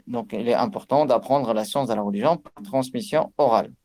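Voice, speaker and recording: Speaking fairly quickly in a medium-pitched voice with a darkish tone, a male religious teacher works through tajwid rules. He stumbles with fillers and restarts and chants Arabic examples along the way.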